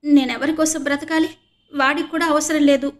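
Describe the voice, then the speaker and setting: A woman's voice: high voice, fast talker, bright, forceful tone. A woman voicing a proud, hot-tempered young woman who scolds sharply and breaks into sobs. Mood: sobbing.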